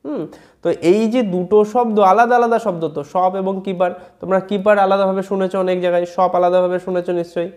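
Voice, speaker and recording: A teacher with a Bengali accent, giving an English reading lesson and explaining each word slowly. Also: medium pitch, little pitch movement, a little mellow. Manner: explains slowly word by word, often asks "ঠিক আছে?".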